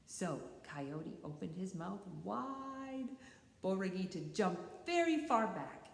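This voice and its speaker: Slow, expressive woman storyteller. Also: mid-range voice, vocal fry. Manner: expressive read-aloud, voices the characters. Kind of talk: bilingual read-aloud storytelling. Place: library. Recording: roomy library hall.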